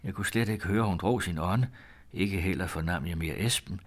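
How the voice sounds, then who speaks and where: Grave, lower-voiced male storyteller. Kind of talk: reading an old-fashioned first-person tale aloud.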